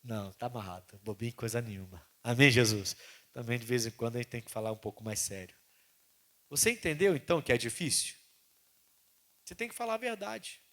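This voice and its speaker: A man preaching a sermon as pastor, with animated delivery that swings between loud emphasis and quiet asides. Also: mid-range voice, a little fast, pauses often. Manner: animated preaching with acted-out dialogue.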